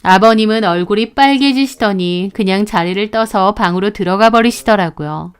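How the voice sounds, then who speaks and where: A woman's voice: medium pitch, normal speed, clear, resonant tone. A woman narrating her own story as a daughter-in-law, speaking in an indignant, aggrieved tone.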